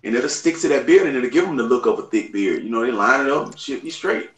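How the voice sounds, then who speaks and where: A man chats on a live stream, loud, profane and full of jokes. His voice carries a roomy echo. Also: medium pitch, animated, fast. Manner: loud, profane, joking banter. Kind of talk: casual chat.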